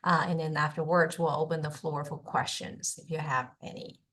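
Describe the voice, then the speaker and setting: A woman's voice: deep voice, level tone, moderate pace, fairly bright tone. A woman who is an associate director of international student services, introducing colleagues politely with some hesitant uhs. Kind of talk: webinar introduction.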